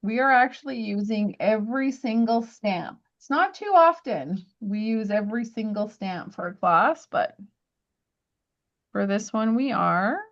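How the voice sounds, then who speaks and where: Leading a live at-home crafting class, a woman guides viewers step by step, friendly and chatty with little laughs. She has a mid-range, animated voice at a measured pace, and the highs are cut off.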